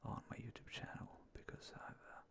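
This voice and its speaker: A man whispering hesitantly and softly in a casual, rambling ASMR style, with a breathy, creaky voice close to the microphone. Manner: slow, hesitant, mindful, self-effacing. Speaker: ASMR video maker. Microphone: close ASMR microphone with fluffy cover.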